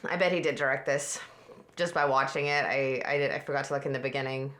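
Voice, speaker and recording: A woman reacting to a film as she watches it, casual and excitable, gasping and talking back to the screen. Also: extremely low pitch, fast, very noisy. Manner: excitable, exclaims and gasps at the screen. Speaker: movie reaction host.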